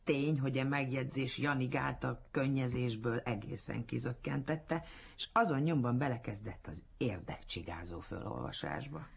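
A man reading a literary story aloud in a measured storytelling manner, on a dull lo-fi recording. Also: mid-range voice, gravelly, husky. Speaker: narrator. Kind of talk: literary audiobook narration.

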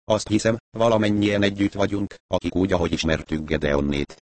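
A man voicing a composed, courteous male detective who speaks in measured, formal sentences. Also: lowish voice, little pitch movement, darkish tone, no echo, lightly acted. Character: composed male amateur detective, deliberate and polite.

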